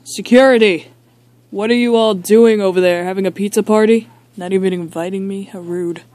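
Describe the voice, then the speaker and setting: A girl voicing a boastful, deadpan dad toy who hosts a chaotic talk show in an amateur toy skit. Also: medium pitch, no room sound, close to an everyday voice. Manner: slow, boastful, deadpan rambling. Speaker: talk show host figure.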